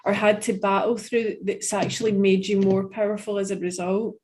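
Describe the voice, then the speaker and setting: A woman hosting a podcast, telling stories in a chatty, animated way and acting out what people said. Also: mid-range voice, normal speed. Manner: animated storyteller, quotes people, says "right?". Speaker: podcast host. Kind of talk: casual interview conversation.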